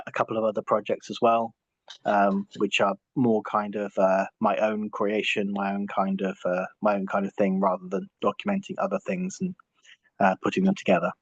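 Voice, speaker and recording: A middle-aged man from England talks hesitantly as a guest in a casual conversational interview, frequently repeating himself and starting over. His voice is lowish, and the lo-fi audio is muffled and dry, with no room sound.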